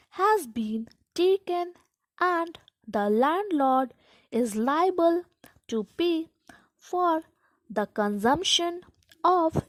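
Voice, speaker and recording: Slow, high-pitched woman reading dictation. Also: no echo, low-quality recording. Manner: deliberate, halting phrase-by-phrase reading. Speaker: dictation instructor. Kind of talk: slow school dictation, read aloud in short measured phrases.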